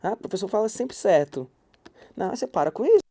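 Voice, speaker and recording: A man's voice: sits high, fast. A man from Goiás with a Goiás Brazilian Portuguese accent, teaching Portuguese grammar through stories and acting out the people he quotes. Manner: animated storyteller, acts out quoted people. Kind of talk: anecdotal grammar lecture.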